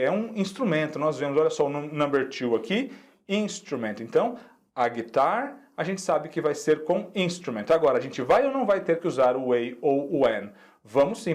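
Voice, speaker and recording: A man teaching English in a recorded online lesson, explaining exercises and repeating the example sentences slowly and clearly. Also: a little high, darkish tone.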